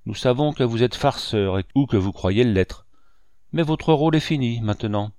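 A man's voice: mid-range voice, normal speed, a little mellow, no room sound, clean studio sound, lightly acted. A man voicing a defiant male pirate in an audiobook, insistent and accusing. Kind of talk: audiobook reading.

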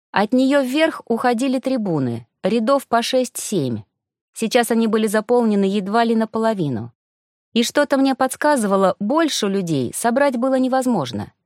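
A woman narrating a fantasy audiobook in the first person, even and wry. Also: fairly high pitch, dry recording. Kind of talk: scripted narration. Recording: dry close studio sound.

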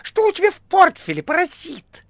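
A man voicing a shrill, squeaky cat-like fat male demon in an audiobook. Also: huge pitch swings, moderate pace, gravelly, no room sound, exaggerated voice. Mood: shrill menace.

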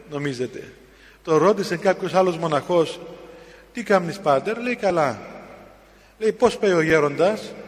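A middle-aged man, a priest, telling a story in a sermon, slow and grave with sudden emphatic rises. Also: on the high side. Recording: long hall reverb.

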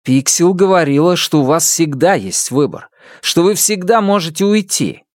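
Man acting out a young storybook detective, defiant, pitched up, lively. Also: moderate pace, dry recording, clean studio sound, lightly acted.

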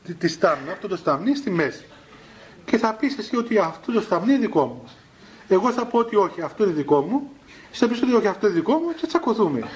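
A middle-aged monk giving a spiritual talk to a live audience, telling anecdotes and acting out the dialogue with light laughter. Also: male voice, high voice, rough recording. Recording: old cassette recording with faint hiss.

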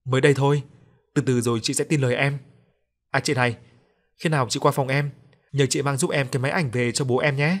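A man reading the part of a teenage boy's ghost who speaks calmly and gives warnings. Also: medium pitch, fast, pauses often, natural voice. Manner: calm, warning. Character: ghost of a teenage boy, calm and cryptic.

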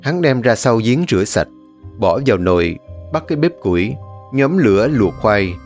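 A man narrating an audiobook story in a steady, plain storytelling manner. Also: fairly low pitch, moderate pace, faint music behind.

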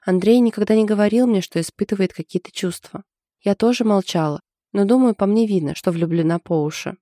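An anxious young woman in love, confiding her trouble in a hesitant way, as a woman reads her part. The voice is mellow and dark. It sounds dry and close. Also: mid-range voice, fairly quick, no room sound, lightly acted. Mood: bitter.

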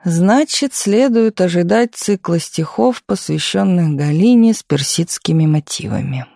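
A fussy, excitable young reporter who objects to everything, his voice pushed a little higher than the narrator's own, as a man puts him on for an audiobook. The sound is dry and close. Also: gravelly, dry recording, full character voice. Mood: complaining. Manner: complaining, nervy, quick to object.

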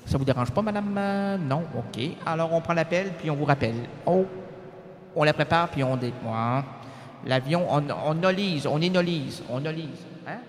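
A man hosting a web show, talking in a playful, improvised way full of wordplay and sudden swoops in pitch. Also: moderate pace, slight background noise.

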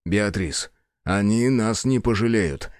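A man voicing a devoted male orc protecting his beloved, speaking low, urgent and tender. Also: slow pace, a little mellow, no echo, studio quality.

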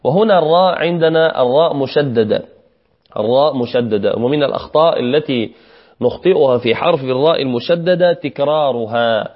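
Male recitation teacher, patient, repeats for students; slightly high voice, dull recording. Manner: patient, repeats each phrase slowly for students to echo. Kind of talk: recitation lesson, modeling verses slowly.

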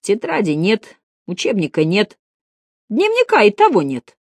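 Cast: woman playing a stern male teacher, loud barking voice, lively delivery. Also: fairly low pitch, normal speed, no room sound, clean studio sound, close to an everyday voice.

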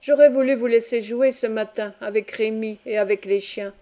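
A woman reading the part of a strict but tender mother in an audiobook, speaking gently yet firmly. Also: a little high, steady tone, normal speed, natural voice.

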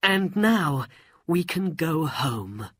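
A man's voice: fairly high pitch, big pitch swings, drawn-out words, breathy edge, dry recording, pitched above the performer's own voice, full character voice. A man playing a bold young sword hero. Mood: firm.

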